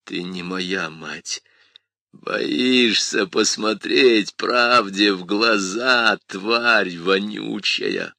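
A man reading an audiobook voices a menacing demon that mocks in a slow, gloating drawl. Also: on the low side, expressive, creaky, bright, forceful tone, dry recording, exaggerated voice. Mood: taunting.

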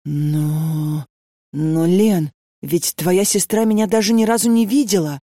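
A woman's voice: lowish voice, fairly even intonation, slow, dark tone, dry recording, clean studio sound. Woman voicing a hesitant, bewildered young student. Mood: reluctant. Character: puzzled young female student, sleepy and reluctant.

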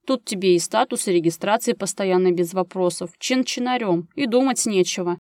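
A woman doing gruff, curt neighbor Gera. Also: mid-range voice, moderate pace, a little mellow, no room sound, studio quality, lightly acted. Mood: blunt. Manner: curt, businesslike, bossy. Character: gruff blunt grown man, a practical ex-paramedic neighbor.

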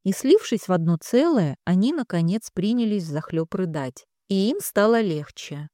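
A woman narrating an audiobook in an even, measured reading. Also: medium pitch, no echo, clean studio sound. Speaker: audiobook reader. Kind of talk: scripted narration.

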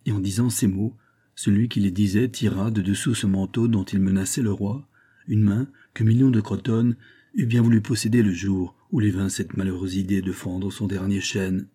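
A male audiobook narrator with a low, dark voice and a husky grain. He reads a classic novel at a steady, measured pace.

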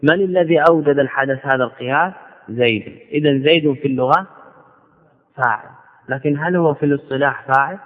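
A man with a slightly high voice gives a grammar lesson, repeating each key term and answering his own questions. The recording is thin and phone-like. A long reverb trails behind him, as in a large hall. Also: a little fast. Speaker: Islamic scholar teaching Arabic grammar. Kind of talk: classroom lecture on grammar.

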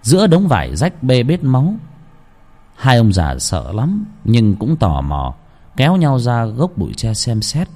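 A man narrating a ghost story in a dramatic, lively storytelling manner. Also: medium pitch, unhurried.

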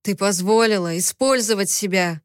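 Brief: woman doing a dangerous, mocking male captive for an audio novel; low, slow and threatening, dry close sound. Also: clear, resonant tone, dry recording, lightly acted. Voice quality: deep low voice. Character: menacing powerful male alien captive, mocking.

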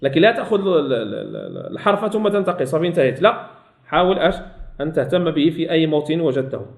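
Male recitation teacher, Moroccan accent, slow repeated demonstrations, fairly high voice. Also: lively intonation, echoey room. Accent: Moroccan Arabic. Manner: slowly drawn-out demonstrations, repeating words. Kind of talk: teaching lesson.

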